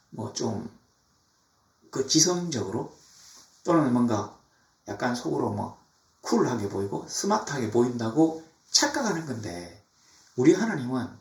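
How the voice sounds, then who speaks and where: Male pastor, middle-aged, preaching, lively rising and falling pitch, echoey church, mic far off. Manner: animated preaching, mimics mocking tones. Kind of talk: sermon.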